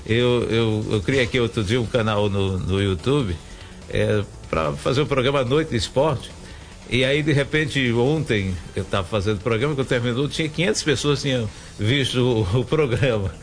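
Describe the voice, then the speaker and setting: A man's voice: medium pitch, normal speed, faint music behind. A middle-aged man hosting a local radio interview, chatty and rambling with many restarts. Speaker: radio host.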